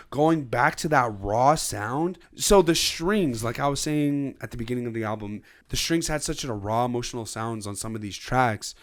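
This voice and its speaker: A man reviewing an album in casual chat, passionate and rambling, swearing a lot. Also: mid-range voice.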